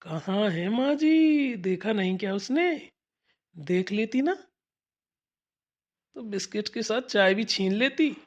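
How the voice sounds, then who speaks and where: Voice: medium pitch, lively intonation, highs cut off. A voice artist playing a teasing old father-in-law in a cartoon. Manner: slow, teasing. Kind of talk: cartoon voice acting.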